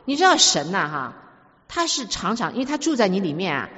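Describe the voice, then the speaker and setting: A woman's voice: medium pitch, big pitch swings, a little fast, fairly bright tone, muffled recording. Female preacher, emphatic storytelling sermon delivery, recorded in a reverberant hall. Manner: emphatic, storytelling with repeated words.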